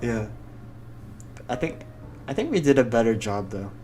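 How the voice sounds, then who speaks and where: A man's voice: mid-range voice, sing-song, normal speed, mellow, soft background music. A young man co-hosting a casual podcast, easygoing and hesitant with many fillers. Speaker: podcast co-host. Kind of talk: casual chat.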